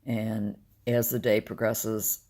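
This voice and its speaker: An older woman vlogs in a rambling personal video diary, tired and short on sleep, her morning voice deep, gravelly and smoker-like. She talks candidly at a slow pace, her tone level and mellow.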